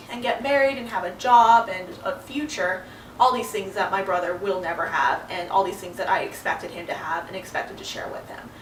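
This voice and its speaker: A young woman telling a personal story in a halting, earnest way, with many fillers. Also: mid-range voice, fairly bright tone, roomy sound, recorded from a distance, a little hiss or hum, poor audio. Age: young adult. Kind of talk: personal monologue.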